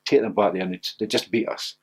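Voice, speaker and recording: Older ex-footballer, husky, animated anecdotes, laughs a lot. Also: male voice, quick pace. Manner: laughing anecdotal, gets loud and high when excited. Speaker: former footballer interviewee. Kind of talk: animated storytelling.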